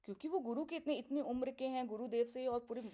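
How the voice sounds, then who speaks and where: हिंदी-अंग्रेज़ी मिलाकर कहानी सुनाती महिला. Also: female voice, high-pitched, fast talker, mellow. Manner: mixes Hindi and English, acts out quoted dialogue. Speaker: spiritual teacher and video host. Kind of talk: casual storytelling.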